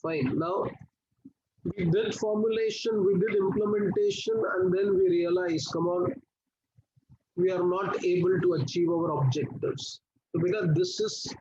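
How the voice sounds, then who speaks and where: A man's voice: high-pitched, darkish tone, lo-fi sound. A man with an Indian accent teaching an online class, coaxing students to pay attention and asking questions he answers himself. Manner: coaxing, checks attention, asks and answers own questions, drops into Hindi. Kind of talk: live online class lecture, explaining to students.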